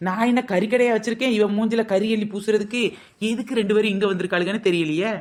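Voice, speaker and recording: A woman's voice: medium pitch, fairly even intonation, quick pace, a little mellow, close to an everyday voice. A woman playing a sly village shop girl. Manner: sly, wisecracking sales patter. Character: scheming young village shop girl selling hair oil. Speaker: shopkeeper. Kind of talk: scripted comedy skit.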